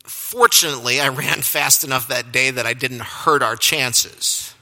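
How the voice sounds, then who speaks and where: A man's voice: mid-range voice, a little slow, bright, forceful tone. A man preaching a sermon, telling a self-deprecating personal story and chuckling at himself. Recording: long reverb of a large hall.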